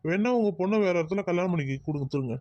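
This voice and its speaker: A man's voice: sits high, animated, fast talker, a little mellow, no room sound, dull audio. A man voicing an exasperated young man in a cartoon who dodges talk of marriage. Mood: explaining. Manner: exasperated, groaning asides. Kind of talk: cartoon voice acting.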